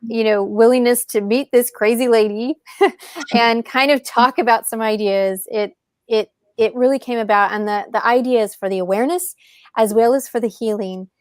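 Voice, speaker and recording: A woman's voice: on the high side, normal speed, no echo. A woman hosting a live-streamed podcast conference, welcoming viewers with enthusiasm and greeting them by name. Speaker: podcast host.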